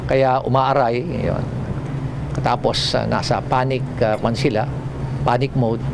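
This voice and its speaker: Male official, mid pitch, matter-of-fact press answers; noisy clip. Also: steady tone, unhurried, gravelly.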